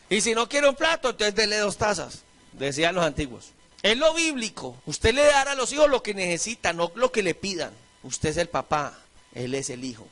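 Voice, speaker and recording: A middle-aged man with a Colombian accent preaching a sermon as pastor, animated, acting out the voices of churchgoers and disciples. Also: fairly high pitch. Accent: Colombian Spanish.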